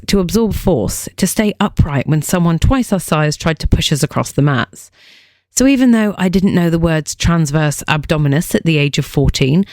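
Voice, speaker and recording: A woman's voice: low-pitched, a little mellow, no echo, clean studio sound. A woman fitness coach hosting a scripted podcast explainer, delivering punchy lines with playful joking asides.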